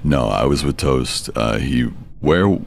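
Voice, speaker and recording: Male gamer, bottomless low pitch, thick vocal fry, casual gaming chat. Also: expressive, slow, background noise. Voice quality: gravelly. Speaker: video game player.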